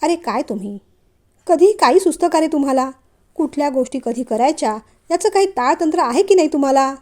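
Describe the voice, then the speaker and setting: A woman's voice: sits high, a little fast. A woman voicing a middle-aged father who is caring at heart but scolds his grown sons in a storybook reading. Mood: scolding. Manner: calm, then scolding.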